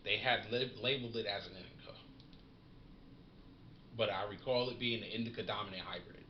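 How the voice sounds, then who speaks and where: Smoking while he reviews a cannabis strain, this man chats in slang at a brisk clip, his voice fairly low. His tone is laid-back and savoring, and the audio has a roomy, muffled lo-fi quality with a little background noise.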